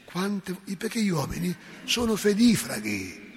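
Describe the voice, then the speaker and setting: A man's voice: high voice, big pitch swings, measured pace, a little hiss or hum. A man, a parish priest giving an impassioned, scolding sermon with folksy asides. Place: church. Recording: long church reverb.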